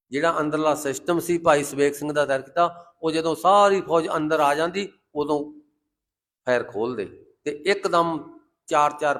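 A man delivers a fervent Sikh sermon in a fairly high voice. He slows down to intone scripture lines. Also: a bit bright. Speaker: Sikh preacher. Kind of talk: Gurbani sermon with sung scripture quotes.

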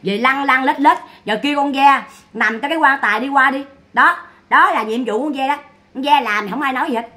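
A woman's voice: sits high, a little fast, bright, forceful tone. A woman giving mocking, scolding gossip commentary. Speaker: online commentator.

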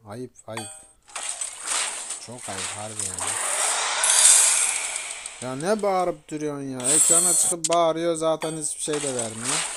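A man hosting a gaming channel, giving casual commentary, grumbling and pleading with the game in exasperation. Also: fairly high pitch. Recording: loud background noise.

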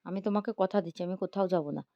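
A woman's voice: mid-range voice, fairly even intonation, very fast, no room sound, highs cut off, close to an everyday voice. Woman voicing a soothing, dutiful young son. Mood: reassuring. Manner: soothing, promising.

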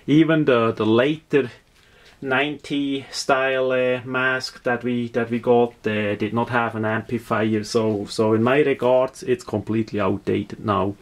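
A man's voice: medium pitch, steady tone, a little slow. A man from Switzerland with a Swiss accent gives an unscripted product demonstration, searching for words and often repeating them. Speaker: product reviewer.

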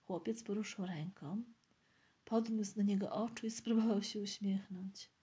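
A woman reading a novel aloud in a soft, half-whispered storytelling manner. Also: mid-range voice, steady tone, a little slow, slightly rough. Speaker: reader.

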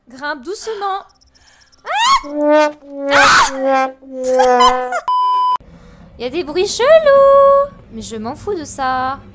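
A woman streaming horror games live, excitable and swearing, often breaking into screams. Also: high-pitched, drawn-out words, long pauses, loud music behind the voice. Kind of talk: live gaming stream commentary.

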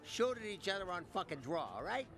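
A man's voice: sits high, very animated, a little fast, fairly bright tone, exaggerated voice. An actor playing a crude, hostile alien father who swears constantly, in a game with music behind. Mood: gruff scornful. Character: crude foul-mouthed mean alien father. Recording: game audio under music.

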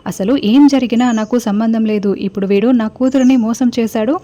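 A woman's voice: a little high, moderate pace, lightly acted. A woman voicing a furious middle-aged mother who hurls accusations and threats, in a retold TV serial. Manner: shouting accusations.

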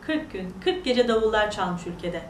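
A woman storyteller narrating a children's fairy tale in an animated, sing-song manner. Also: mid-range voice, normal speed, slight background noise. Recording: echoey room, far from mic.

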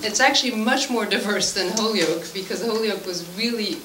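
At a committee meeting held indoors in a school room, a woman in her forties from Switzerland, a native French speaker, informally says she is a language teacher. Her voice is medium in pitch at a normal speed, heard through a distant mic in an echoey room with background noise.

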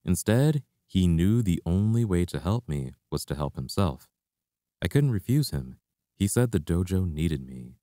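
A young man, a karate instructor, reading his own memoir aloud in a steady, reflective way. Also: deep voice, a little slow, no echo, clean studio sound. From Canada. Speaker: martial arts instructor.

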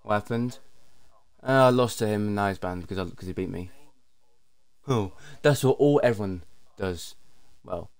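A young British man, a video game streamer, rants irritably and swears while gaming on a livestream from a small indoor bedroom, using a gaming headset. His voice is on the low side, at normal speed with long pauses.

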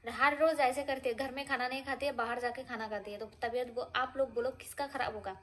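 A woman's voice: high-pitched, steady tone, quick pace, slight background noise. A woman vlogging at home in a casual, rambling way, chatting straight to her viewers. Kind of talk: casual vlog chat. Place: home, indoors.

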